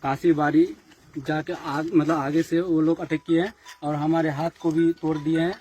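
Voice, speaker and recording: Outdoors with a loud crowd behind him, a party worker tells an interviewer how his group was attacked, speaking urgently and repeating himself in an agitated street account. His voice sits a little high, with flat delivery at normal speed.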